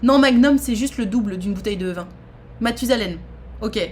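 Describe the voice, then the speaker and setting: A woman, hosting a trivia quiz on a live stream and chatting with her viewers in a lively, exclamatory way. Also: a little high, moderate pace, a little hiss or hum. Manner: animated, exclaims and reads questions aloud to chat. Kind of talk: casual live-stream chat.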